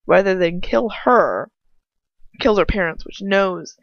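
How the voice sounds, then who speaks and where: Here's an amateur fan fiction commentator, a woman with a medium-pitched voice, lively intonation and vocal fry, talking slowly. She rambles bluntly through a story, sarcastic, exasperated and quick to swear. It's a dry, dull lo-fi home recording without echo.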